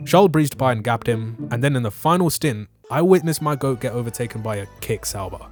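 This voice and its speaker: A man with a mid-range, somewhat dark voice speaks in a brisk, animated way. He's a motorsport YouTuber reviewing a Formula One race, delivering scripted, opinionated commentary full of casual fan slang over background music.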